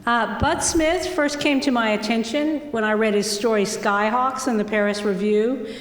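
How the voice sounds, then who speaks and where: A woman's voice: a little high, moderate pace, a little hiss or hum. A woman organizer introducing the next reader at a reading, in a plain, enthusiastic, conversational way. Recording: echoey hall with long reverb.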